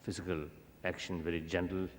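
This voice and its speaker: A man's voice: sits low, little pitch movement, a little fast. A man, a native Tibetan speaker with a Tibetan accent, giving a philosophy teaching. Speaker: Buddhist teacher. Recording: echoey hall with background noise.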